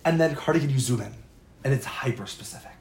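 A woman's voice: very deep voice, animated, fast talker, gravelly, a little mellow, reverberant. A woman co-hosting a podcast, gushing in casual chat and filling her speech with "like". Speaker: podcast co-host.

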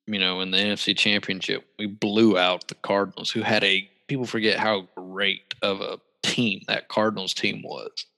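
A man's voice: lowish voice, little pitch movement, moderate pace, gravelly, hardly any pauses, bright, forceful tone. A man co-hosting a casual sports podcast, emphatic and swearing, with vivid exaggeration. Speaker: podcast co-host. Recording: roomy echo.

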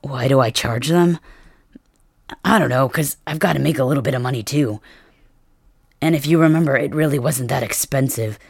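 A performer voicing a brash, cocky adult man who is caring underneath, in a soft-spoken whispered role-play with mild cursing. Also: mid-range voice, normal speed, vocal fry, long pauses, husky, no room sound, clean studio sound. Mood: defensive.

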